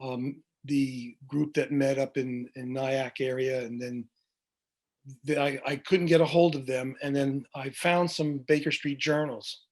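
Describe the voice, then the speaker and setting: The guest here is a middle-aged man who works as a music director, storytelling in a video podcast interview via video call. He is unhurried, his mid-range voice steady as he rambles through long anecdotes, with frequent fillers and restarts.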